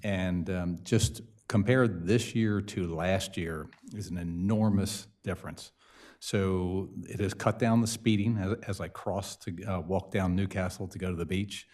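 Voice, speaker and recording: A committee member giving a casual, plainspoken update at a city meeting, with many uhs. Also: male voice, low-pitched, steady tone, a little slow, darkish tone.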